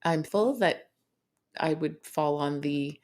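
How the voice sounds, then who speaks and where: A woman's voice: low-pitched, slow, darkish tone. A middle-aged woman co-hosting a podcast, chatting casually in a dry, teasing, matter-of-fact way. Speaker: podcast co-host. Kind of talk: casual chat.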